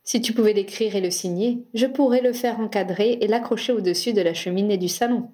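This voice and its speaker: A woman reading a lively young woman, a sports star, in an animated, teasing way for an audiobook. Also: mid-range voice, a little fast, lightly acted.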